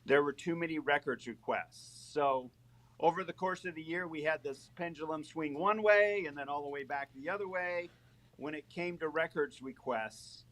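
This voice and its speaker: A man speaking over a phone line in a live panel discussion, loudly and close into the phone, explaining a process step by step as a military medical official. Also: on the high side, normal speed. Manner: explanatory, gives a brief history lesson.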